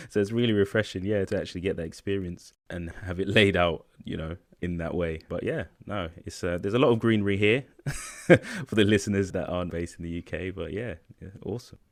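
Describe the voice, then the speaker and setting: Man, from the UK, low voice, dry sound, laid-back, laughs a lot. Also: fairly quick, no room sound. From United Kingdom. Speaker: podcast co-host. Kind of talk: casual podcast interview.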